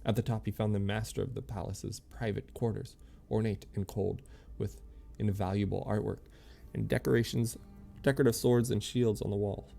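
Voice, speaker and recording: Gravelly low-voiced man reading lore aloud. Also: fairly even intonation, warm tone, soft background music. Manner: halting reading with stumbles and self-corrections. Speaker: streamer.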